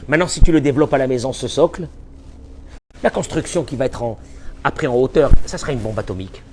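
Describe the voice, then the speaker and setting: A man teaching as a rabbi in a Torah lesson. He talks emphatically, repeats his key phrases, and swings between loud and soft. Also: medium pitch, fast, a little hiss or hum.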